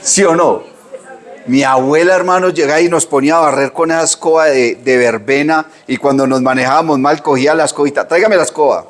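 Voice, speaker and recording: Male pastor, middle-aged; lively sermon delivery with sudden high jumps when quoting. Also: fairly quick. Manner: lively storytelling preacher, pitch leaps when quoting people.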